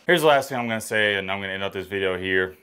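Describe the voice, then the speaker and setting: A man's voice: lowish voice, racing, sharp tone, clean tone. A man, giving an exasperated, emphatic game breakdown as a sports fan host. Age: 20s. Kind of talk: ranting game breakdown to camera. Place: home room, indoors.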